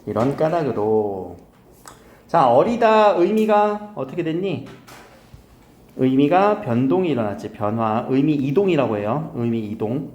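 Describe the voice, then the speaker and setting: A man teaching grammar in a casual recorded lecture, often quizzing his students with quick questions. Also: on the high side, animated, a little mellow, dull audio. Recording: echoey room.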